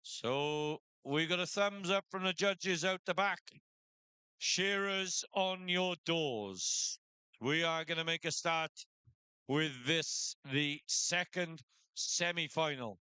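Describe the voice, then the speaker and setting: A man's voice: fairly high pitch, steady tone, slow, pushed and bright, smooth, no echo. A man giving live commentary as announcer at a sheep shearing competition, calling out names and stand numbers.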